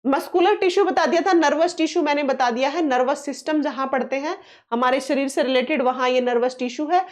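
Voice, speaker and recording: A high-voiced woman teaches a science lesson for exam prep, posing questions and answering them herself while hammering home key terms. She coaxes and keeps reassuring her students, and reads English question text slowly.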